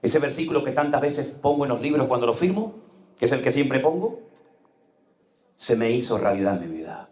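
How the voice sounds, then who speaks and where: A male pastor preaching a sermon, telling stories with passion and dropping to hushed tones at times. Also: mid-range voice, animated, fairly quick, pauses often. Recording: echoey room.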